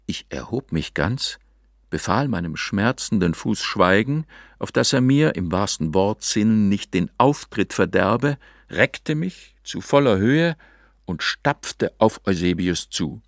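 A man's voice: on the low side, animated, slow pace, gravelly, dry recording, clean studio sound. A man reading a novel aloud in a dramatic, theatrical way. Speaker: narrator. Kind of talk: scripted audiobook narration.

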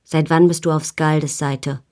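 A woman's voice: low-pitched, flat delivery, measured pace, a little mellow. A woman voicing a drunk, bitter, hot-tempered man in an audiobook reading, hissing and hostile. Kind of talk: audiobook character voice.

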